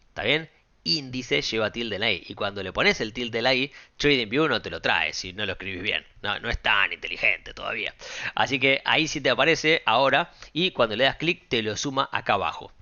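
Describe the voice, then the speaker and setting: Over a dull, lo-fi recording, a medium-pitched man guides viewers through trading software on a screen share. His Rioplatense Spanish accent comes with a casual, direct style, frequent fillers, and regular check-ins with whoever's listening.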